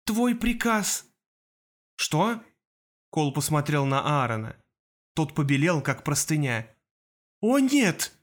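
A man narrates a fantasy novel in a measured, expressive reading voice. His pitch sits somewhat above the usual male range. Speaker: audiobook narrator. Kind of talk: scripted narration.

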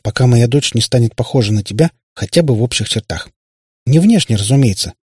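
A man's voice: mid-range voice, lively intonation, a little fast, darkish tone, slightly rough, dry recording, studio quality, voice pushed up. A man voicing a sad warlock father who rambles in pompous explanations. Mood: weary. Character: male warlock father, sad and long-winded.

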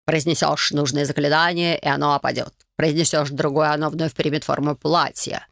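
An audiobook reader voicing a smug, greedy young male fashion genius, speaking slowly and drawing out the words. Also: mid-range voice, little pitch movement, vocal fry, fairly bright tone, no room sound, clean studio sound.

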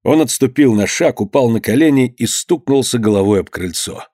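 A man's voice: mid-range voice, moderate pace, no echo, studio quality. A man reading a historical novel aloud as a dramatic audiobook narrator. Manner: expressive storytelling.

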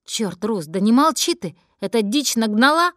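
A woman reading an audiobook voices a panicky tattooed young thug who shouts and disbelieves. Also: on the high side, big pitch swings, moderate pace, no room sound, studio quality. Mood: frantic.

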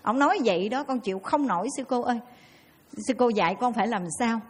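A woman's voice: a little high, fast talker, slightly rough. A woman with a Southern Vietnamese accent, a Buddhist nun giving a dharma talk and acting out the people in her stories. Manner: lively storyteller who acts out the people in her stories.

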